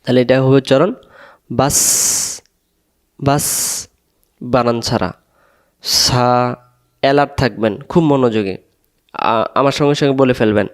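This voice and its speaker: A man's voice: mid-range voice, fast talker, a little mellow. A man teaching Arabic letter pronunciation for Quran reading, patiently drilling syllables and asking learners to repeat after him. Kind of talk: slow letter-by-letter recitation lesson.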